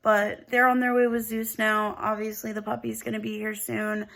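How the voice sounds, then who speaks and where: A woman's voice: on the high side, level tone, normal speed, gravelly, fairly bright tone. A woman vlogger talking casually to her camera in a chatty way, with lots of "like" and "um". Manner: chatty, full of "like" and "um". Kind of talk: casual vlog chat to camera.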